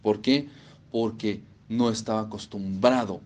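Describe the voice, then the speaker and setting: A man's voice: on the low side, steady tone, measured pace, darkish tone. A man preaching a sermon, emphatic and repeating phrases for stress.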